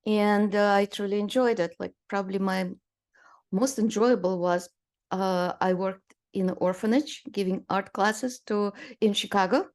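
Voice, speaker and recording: A guest artist in her sixties, originally from Romania, tells stories in a conversational interview, sprinkling in small fillers and brief laughs. Her mid-range voice is steady and darkish, with a measured pace.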